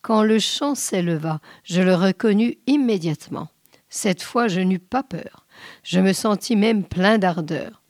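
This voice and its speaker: A woman reading a short story aloud in a measured, often hushed way. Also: medium pitch, animated, dry recording, clean studio sound. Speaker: reader.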